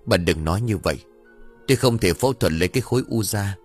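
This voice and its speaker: A man voicing a grieving older village father, gruff and weary as he scolds his son. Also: fairly low pitch, animated, fast, faint music behind.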